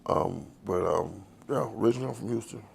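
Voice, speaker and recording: A man's voice: on the low side, brisk, gravelly, breathy edge. A man, telling his life story in a loose, rambling, profane way in an interview. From Texas. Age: 40s. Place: outdoors on the street.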